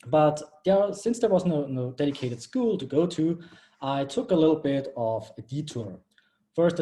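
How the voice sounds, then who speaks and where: An Austrian man in his 30s, a bootcamp graduate, presents his project in a live stream over a video call. His voice is mellow and mid-range, and though screen-sharing trouble flusters him a little at first, he settles into a steady, explanatory delivery.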